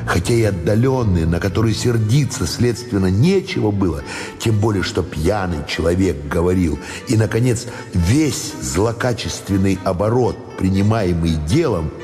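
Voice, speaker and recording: A man reading a classic novel aloud as audiobook narrator, slow and expressive. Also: low voice, in a large hall, faint music behind. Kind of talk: scripted literary narration.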